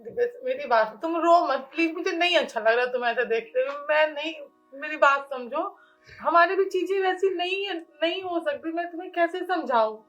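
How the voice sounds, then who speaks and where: An actress as a hurt but firm wife. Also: female voice, high-pitched, moderate pace, lo-fi sound. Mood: consoling. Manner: calm, firm, gently consoling. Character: hurt wife refusing to return to her husband. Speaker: actor in a short drama. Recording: faint music behind.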